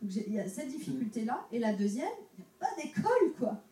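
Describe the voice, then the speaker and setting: A woman co-hosting a casual podcast interview, lively and quick to laugh. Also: a little high, distant mic. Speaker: podcast co-host. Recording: roomy, off-mic, faint noise.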